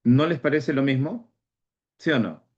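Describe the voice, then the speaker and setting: A man with a Peruvian Spanish accent teaching an online exam-prep class, lively, and acting out both student and teacher in little back-and-forth exchanges. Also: medium pitch, measured pace. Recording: dull lo-fi stream audio.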